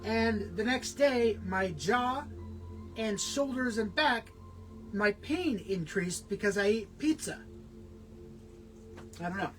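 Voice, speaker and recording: A man talking casually on a home live-stream vlog, halting and rambling with many restarts, short of breath. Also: high voice, animated, a bit bright, faint music behind, poor audio. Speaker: vlogger. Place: at home indoors. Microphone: camera on a small tripod.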